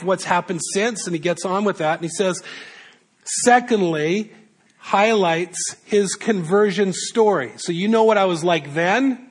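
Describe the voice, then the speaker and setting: A man's voice: sits high, husky. A man preaching a sermon in a casual, conversational way, reading scripture aloud and paraphrasing it straight to his listeners. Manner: direct address to the congregation.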